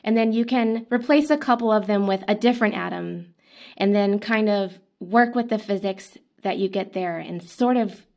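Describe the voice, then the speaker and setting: A woman's voice: mid-range voice, normal speed, gravelly, darkish tone. Upbeat woman co-hosting a podcast. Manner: upbeat, lots of fillers and restarts, laughs often. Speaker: podcast co-host.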